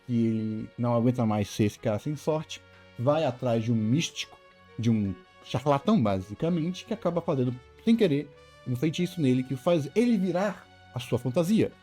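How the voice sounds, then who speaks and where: A man hosting a casual animated-film review, opinionated and given to restarting his phrases. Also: medium pitch, moderate pace, soft background music. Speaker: video essay host.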